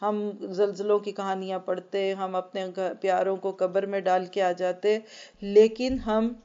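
A woman teaches a scripture lesson to a group of women, laying out each point earnestly and pressing home rhetorical questions. She slows right down whenever she recites a verse. The recording is muffled and lo-fi. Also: mid-range voice, flat delivery, dark tone, clean tone. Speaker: Quran teacher. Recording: dull lo-fi recording.

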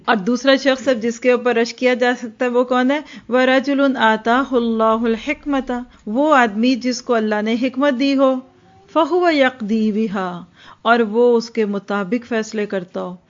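Woman giving a religious talk, lo-fi. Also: a little high. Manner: earnest, acts out mothers and children in quoted asides. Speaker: religious teacher. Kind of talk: religious lecture. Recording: dull lo-fi recording.

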